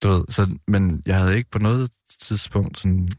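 A middle-aged man, a poet guest, talking hesitantly in an interview and then reading his poems aloud in a calm, measured way. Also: low voice, no echo, studio quality.

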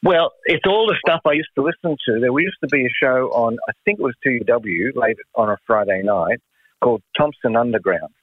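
A man's voice: medium pitch, lively intonation, brisk, no echo. Older Australian man on a narrow phone line. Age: 60s. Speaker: musician guest. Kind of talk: casual reminiscing interview. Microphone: phone call.

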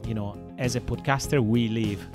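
A man's voice: mid-range voice, fairly even intonation, normal speed, music in the background. Man hosting a podcast. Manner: effusive, agreeable. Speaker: podcast host. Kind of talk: conversational interview hosting.

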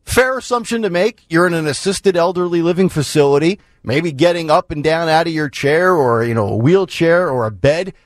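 A man's voice: fairly high pitch, normal speed, hardly any pauses, dry recording. Chatty man hosting morning talk radio. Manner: chatty, rambling, self-interrupting. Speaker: radio show host. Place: radio studio.

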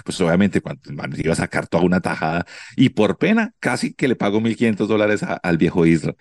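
A man with a Colombian accent and a deep, low voice tells a funny story in casual conversation. He acts out the other people's voices as he goes. The sound is dry and close. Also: fast, dry recording. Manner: animated, acts out voices in anecdotes. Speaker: radio show host. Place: outdoors in the street.

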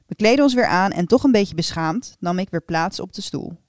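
A woman's voice: on the low side, animated, brisk, dry recording, clean studio sound. A woman reading an erotic first-person story aloud in an intimate, confiding manner.

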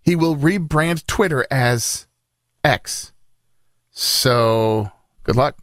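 A man's voice: mid-range voice, extremely slow, fairly bright tone, dry recording, studio quality. A man hosting morning radio, reading news in a conversational, bantering style.

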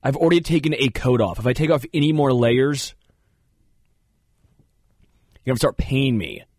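A man hosting a radio show from a studio, telling stories in a casual, animated way. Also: mid-range voice, fast talker, no echo. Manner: animated storytelling, puts on voices. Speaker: radio host. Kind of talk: casual sports radio chat. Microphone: studio mic.

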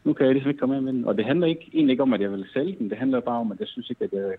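A man's voice: medium pitch, breathy edge. A man calling in to a show, talking hesitantly. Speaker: caller. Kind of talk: casual phone chat. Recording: tinny phone line with faint noise.

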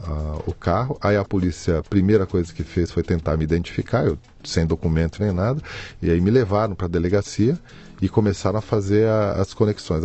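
A middle-aged man with a Brazilian Portuguese accent, a podcast guest recounting a personal story haltingly, restarting and repeating words. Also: deep voice, dark tone, muffled recording.

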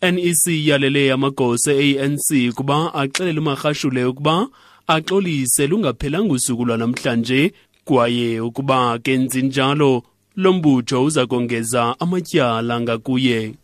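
A man's voice: medium pitch, normal speed, dry recording. A man with a South African Xhosa accent reading a scripted news report as a reporter.

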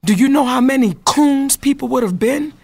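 A woman's voice: sits high, moderate pace, darkish tone, breathy edge. A woman speaking passionately and bluntly to an audience about standing by her husband. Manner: bold, outspoken, emphatic, profane. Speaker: wife speaking on a panel. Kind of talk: passionate spoken address.

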